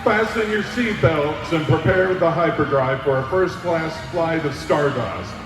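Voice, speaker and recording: Booming male announcer in an echoey arena. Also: a little slow. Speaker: roller derby announcer. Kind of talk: hyped scripted player introductions over arena PA. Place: large indoor sports venue. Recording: echoey PA heard far off, music. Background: clear music.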